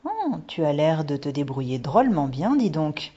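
A woman's voice: low-pitched, big pitch swings, normal speed, mellow, husky, heavily acted. A woman voicing a friendly, curious little boy. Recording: dull lo-fi recording.

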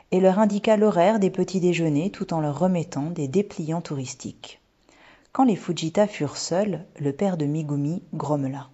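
A woman reading a children's story aloud in a calm, measured storybook narration. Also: low voice, slightly rough. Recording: dull lo-fi recording.

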